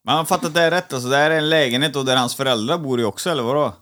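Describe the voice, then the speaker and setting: A man's voice: mid-range voice, fairly bright tone. A man hosting a podcast, asking brief follow-up questions in casual conversation. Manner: short backchannel replies and brief follow-up questions. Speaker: podcast host.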